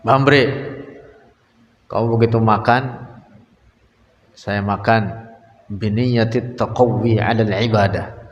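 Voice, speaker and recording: A man giving a religious study lecture. He reads Arabic text, translates it phrase by phrase and adds joking, colloquial asides to his students. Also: fairly low pitch. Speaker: Islamic religious teacher. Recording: echoey hall with long reverb.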